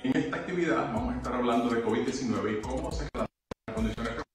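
A man hosting an educational health event, reading a steady, informative scripted narration. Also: medium pitch, very fast. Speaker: host. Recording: roomy, distant, music underneath. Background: music.

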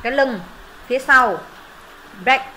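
A woman's voice: high voice, measured pace, pushed and bright, slight background noise, poor audio. A woman teaching English pronunciation in Vietnamese, modelling words, repeating them for students and thinking aloud when unsure.

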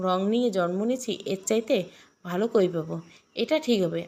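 A woman reading a romantic audio story aloud, shifting her tone for each character. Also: medium pitch. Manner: reads every role herself, shifting tone for each character.

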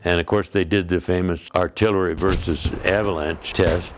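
A man's voice: deep voice, steady tone, moderate pace, a little hiss or hum. An older man, a former ski trooper, recalls the past in a conversational interview, with some hesitations. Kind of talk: interview recollection.

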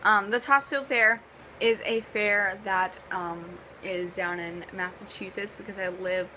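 A woman's voice: mid-range voice, steady tone, unhurried, bright, forceful tone, a little hiss or hum, poor audio. A young woman from the US East Coast with a sore, partly lost voice, chatting casually in a vlog and rambling with lots of ums and likes. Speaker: vlogger.

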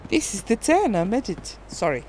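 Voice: medium pitch, sing-song, moderate pace, background noise. A game streamer with a British accent, chatting casually and swearing freely while playing. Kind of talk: casual live-stream commentary. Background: game music.

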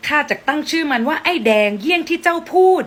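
A woman's voice: sits high, expressive, fast talker, fairly bright tone, voice pushed up. A woman playing an old-time mother in a comedy skit, speaking in an archaic, formal way. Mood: proud.

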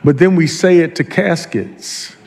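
A man's voice: fairly high pitch, expressive, unhurried, gravelly, a little mellow. A man pastor preaching a sermon, leading the congregation in call-and-response and breaking into joking asides.

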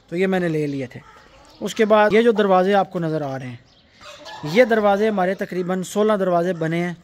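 Guy vlogging at his bird farm, high voice, birds and faint noise behind. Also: darkish tone. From Pakistan. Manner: plain, matter-of-fact, listing costs, speaks with rising fervor when preaching. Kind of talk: casual vlog walkthrough.

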